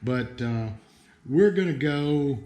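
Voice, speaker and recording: A man's voice: medium pitch, lively intonation, slow pace, warm tone. A man with an Appalachian hillbilly accent hosting a livestream, explaining things casually in a folksy, somewhat hesitant way. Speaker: livestream host. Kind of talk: casual live explanation to viewers.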